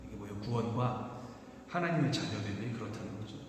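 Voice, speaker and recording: A man's voice: fairly low pitch, expressive. Male pastor preaching in echoey church. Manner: conversational preaching, rising emphasis, slows for scripture. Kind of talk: sermon. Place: church sanctuary. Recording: echoey hall, faint noise.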